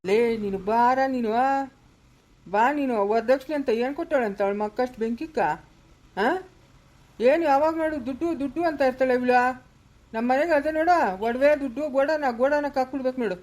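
A woman's voice: sits high, fairly quick, a little mellow, lightly acted. A woman playing a stern village father who scolds and gives orders, with a Chikkaballapur Kannada accent. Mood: scolding. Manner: scolding, commanding.

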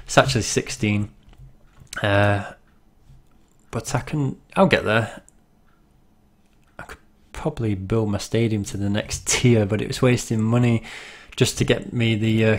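A man's voice: lowish voice, steady tone, a little slow. Rambling man commenting on a game. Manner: rambling, self-deprecating, laughs at himself. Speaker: gaming channel host.

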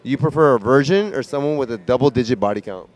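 A man's voice: mid-range voice, quick pace, darkish tone. A man doing playful street interviews at night, a little drunk and slurring, teasing people with questions. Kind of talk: street interview, vox pop.

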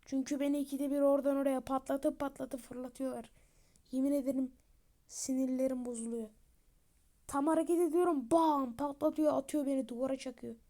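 A woman's voice: high-pitched, steady tone, brisk, dark tone. A woman doing grumbling immortal warrior guy. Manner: grumbling, complaining.

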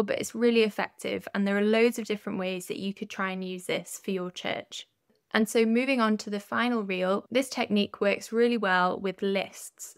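A woman narrates a design tutorial over her screen recording, calm and methodical as she walks through each step. Her voice sits at an ordinary middle pitch. The recording is dry and close, with no room sound. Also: no room sound. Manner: calm, clear step-by-step instructions.

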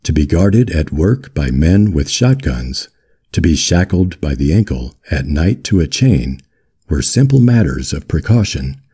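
A man reads literary fiction as an audiobook narrator in a calm, firm, deep voice with a husky edge. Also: unhurried. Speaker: audiobook reader.

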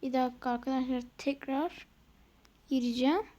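This young woman's high voice stays fairly even at a moderate pace over a noisy background. As a gaming video creator, she gives casual commentary on her game, muttering when frustrated and throwing in playful sound effects.

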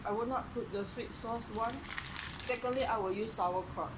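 A woman's voice: fairly high pitch, normal speed, background noise. A woman food reviewer chatting frankly with her mouth full of food. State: mouth full while talking. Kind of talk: casual chat.

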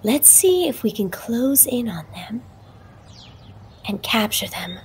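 A woman narrating in a mock nature documentary style, hushed and often whispering, solemn and dramatic. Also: on the high side, sing-song, takes it slowly, slight background noise.

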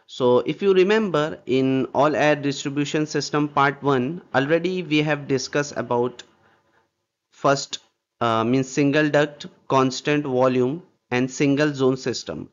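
Working through slides, a male HVAC instructor explains air distribution systems, going over points more than once and punctuating them with "okay" and rhetorical questions. His voice sits at a medium pitch, and the audio sounds dull.

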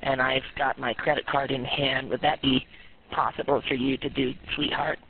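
A man's voice: medium pitch, flat delivery, normal speed. A man playing a doting elderly grandmother who rambles and calls people dear, heard over a phone line. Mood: sugary. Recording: tinny noisy phone line.

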